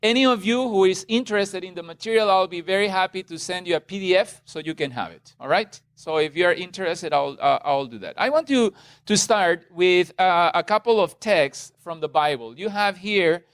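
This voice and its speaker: A man's voice: sits high, expressive, moderate pace, fairly bright tone, clear, resonant tone, no room sound, clean studio sound. A middle-aged man from Ecuador leading a church seminar in a conversational way, often checking in with his small audience. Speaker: seminar presenter. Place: meeting room with a small audience.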